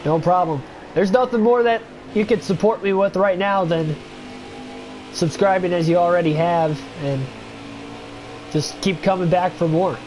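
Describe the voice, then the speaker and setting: The audio is poor, with a bit of hiss or hum, as a young man with a stuffy nose livestreams a racing game and chats casually with viewers. His voice is high-pitched with a darkish tone, and he rambles at a measured pace, full of fillers.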